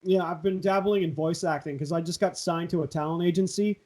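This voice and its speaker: A man's voice: fairly high pitch, fairly even intonation, fairly quick, mellow. A man with a Southern California accent chatting casually and slangily on a podcast, in a laid-back way. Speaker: podcast host, aspiring voice actor.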